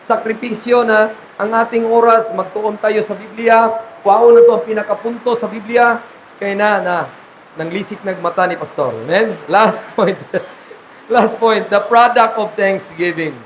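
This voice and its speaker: A man with a Filipino accent, a pastor preaching an animated sermon at a church conference. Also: high voice, moderate pace, a little hiss or hum, poor audio. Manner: animated preaching, mixing in laughs and acted quotes.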